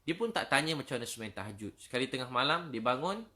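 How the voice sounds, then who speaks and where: In this sermon, a middle-aged Malaysian Malay-accented preacher with a medium-pitched voice first quotes verses slowly in Arabic. He then tells stories in a lively, casual way and softens into a pleading tone for the prayers.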